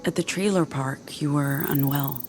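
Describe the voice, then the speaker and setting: A caring, attentive companion, low-voiced. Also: female voice, moderate pace, darkish tone, faint music behind. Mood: gentle.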